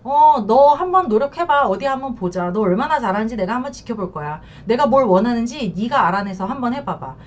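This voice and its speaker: A woman voicing a furious betrayed wife who taunts her husband in shrill outbursts. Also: expressive, quick pace, few pauses, lo-fi sound. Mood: taunting.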